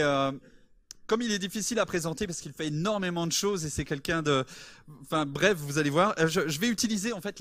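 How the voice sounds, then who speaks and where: A man's voice: fairly high pitch, fairly bright tone. Enthusiastic male church host. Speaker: church host interviewing a guest. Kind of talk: live church interview. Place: church service before a congregation.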